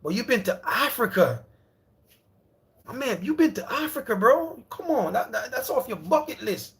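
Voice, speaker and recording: A man from Jamaica in his thirties livestreams from home in a very high, creaky, fairly bright voice with a sing-song lilt and moderate pace. He rambles casually, repeats himself, and keeps addressing viewers as brother and bro.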